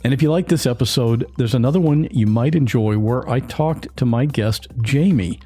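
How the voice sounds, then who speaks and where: A man's voice: medium pitch, normal speed, warm tone, breathy edge, faint music behind. A man hosting a podcast, speaking casually and directly to his listeners. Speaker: podcast host. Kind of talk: interview and scripted outro.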